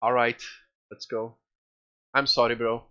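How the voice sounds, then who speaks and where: Swearing freely, this Brazilian Portuguese-accented game streamer chats with his viewers in an excited, casual way. He talks a bit slowly at medium pitch, and the recording has its highs cut off.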